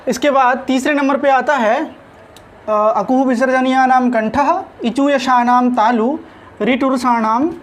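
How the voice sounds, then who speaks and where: A man's voice: very high-pitched, slight background noise. A man teaching a spoken lesson on pronunciation, sounding out each letter carefully.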